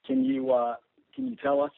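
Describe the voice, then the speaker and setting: A man's voice: medium pitch, sing-song, normal speed, gravelly, no room sound. A man working as a reporter, putting short follow-up questions on a telephone press call. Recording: tinny phone line, dry.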